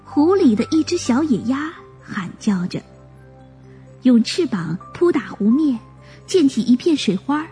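Woman storyteller, children's story, high voice, very lively intonation. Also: a little slow, soft background music. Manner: expressive, animated storytelling. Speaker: narrator.

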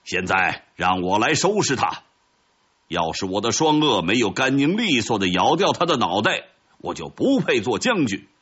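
A man acting out a hot-tempered ant commander in a storybook, barking and scornful with a husky edge. His pitch swings hard and the sound is dull and lo-fi. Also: very animated, normal speed, fairly bright tone, exaggerated voice. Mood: furious. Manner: bellowing, scornful. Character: furious male red ant general.

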